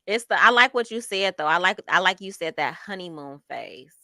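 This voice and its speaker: A middle-aged woman co-hosting a casual chat show, reading viewer comments aloud and reflecting on them in a measured way. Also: on the low side, expressive, bright, forceful tone, no echo.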